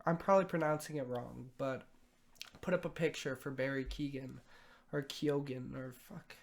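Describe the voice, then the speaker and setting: A young man giving a casual spoken film review, hesitant, with lots of pauses and restarts. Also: medium pitch, gravelly. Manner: hesitant, many fillers and restarts.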